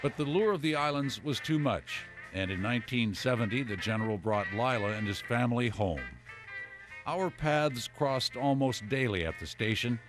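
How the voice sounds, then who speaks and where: A man, a television news reporter, narrating a sports history feature with lively, vivid storytelling. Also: medium pitch, moderate pace, over music.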